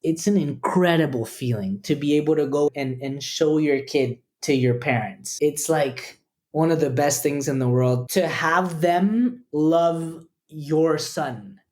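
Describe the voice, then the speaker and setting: Podcast guest: a man from Costa Rica, earnest and measured, reflective. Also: on the high side, darkish tone. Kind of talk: reflective interview talk.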